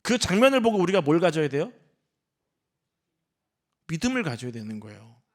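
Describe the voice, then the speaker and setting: On the high side and at a moderate pace, this male senior pastor preaches with animation, putting questions to his congregation and performing the voices of the people in his story.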